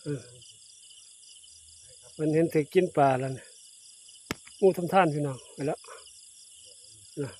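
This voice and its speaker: A man's voice: fairly high pitch, takes it slowly, long pauses, background noise. A man with an Isan accent, chatting casually to viewers outdoors at night while checking his fishing lines, often addressing them as brothers and sisters. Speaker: vlogger. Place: rural fields at night, outdoors. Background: crickets and insects.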